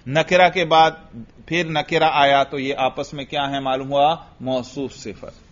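A man's voice: mid-range voice, flat delivery. A man teaching an Arabic grammar lesson, firing questions at his students and answering them himself. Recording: dull lo-fi recording.

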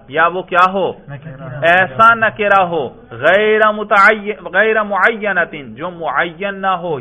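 Man teaching grammar over a tinny line. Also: mid-range voice. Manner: asks questions and answers them himself. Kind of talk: explaining a text line by line. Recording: tinny phone-like sound.

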